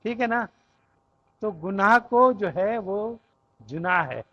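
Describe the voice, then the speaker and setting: A man's voice: high-pitched, lively intonation, dull audio. A man from Pakistan teaching Arabic grammar in a patient classroom lecture, often checking that students follow. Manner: explains patiently, often checks with "theek hai?".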